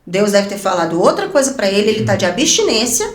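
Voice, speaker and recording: A woman giving an animated personal testimony as a guest evangelist, laughing often and acting out her own quoted words. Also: medium pitch, quick pace, a little hiss or hum. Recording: roomy echo.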